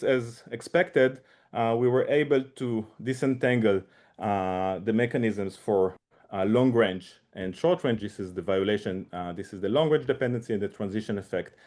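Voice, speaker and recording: A man's voice: lowish voice, a little mellow. Hesitant man giving a research seminar. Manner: hesitant, many fillers and restarts. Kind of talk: academic seminar talk.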